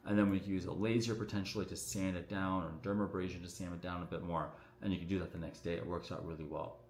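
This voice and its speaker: A man, a doctor, answering viewer questions on a casual livestream in a relaxed, chatty way full of fillers, his voice echoing around the room. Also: deep voice. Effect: echoing room sound on the stream. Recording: echoey room audio on a livestream.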